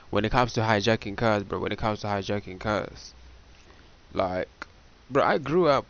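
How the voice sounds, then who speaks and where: Young guy from botswana reacting to a video, low-ish voice, lots of bro, kinda dull lo-fi sound. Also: unhurried, a bit bright. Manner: loose, slangy, repeats "bro". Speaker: reaction commentator. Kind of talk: casual reaction commentary.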